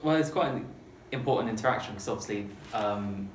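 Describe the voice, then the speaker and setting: A man teacher chatting casually about a novel, relaxed and rambling with many fillers. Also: lowish voice, a little fast. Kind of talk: casual literature lesson chat. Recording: roomy, distant mic, clear background noise.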